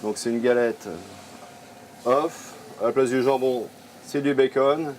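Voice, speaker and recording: A man's voice: medium pitch, unhurried, slight background noise. A man running a mobile creperie, explaining his business casually with many hesitations. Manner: relaxed, with frequent hesitations. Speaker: creperie owner interviewed. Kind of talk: casual interview.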